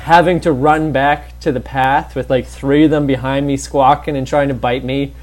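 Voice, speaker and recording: A young man telling stories casually among friends, with crude, profane, animated delivery. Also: mid-range voice, moderate pace. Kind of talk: casual storytelling chat with friends.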